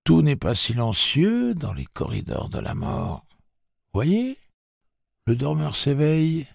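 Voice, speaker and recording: A man's voice: medium pitch, unhurried, creaky, dry recording, clean studio sound, voice pushed up. A man voicing a frightened young man who speaks as if in a trance, in an audiobook. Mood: haunted. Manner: haunted, urgent.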